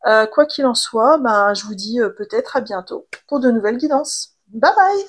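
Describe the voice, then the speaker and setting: A woman talks through a tarot reading in a relaxed, chatty way, pausing on gentle fillers and restarting her sentences. Her voice sits a little high for a woman. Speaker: tarot reader. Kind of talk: casual spiritual card reading.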